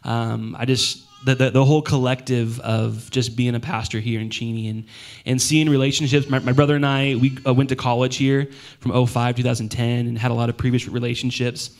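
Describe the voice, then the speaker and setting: A man in his thirties, a pastor with a hoarse, worn voice, reflects personally and informally at a church service, in a halting, self-deprecating way. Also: medium pitch, little pitch movement. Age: 30s. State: hoarse, voice nearly gone.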